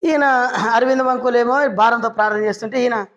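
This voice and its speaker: A woman's voice: on the high side, a little fast, highs cut off. Woman preacher; storytelling sermon, rhetorical questions. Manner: lively, asks and answers her own questions; acts out quoted people in short voices.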